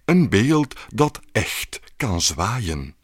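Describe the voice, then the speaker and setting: A man voicing a stern, bossy queen in a children's story, his voice pitched high and pushing hard. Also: big pitch swings, drawn-out words, husky, no room sound, clean studio sound, full character voice. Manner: strict and exasperated, rising high.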